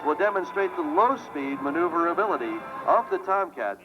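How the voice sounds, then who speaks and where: An American man working as an airshow commentator, giving measured, technical announcements over music in a dull outdoor recording. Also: sits high, sing-song.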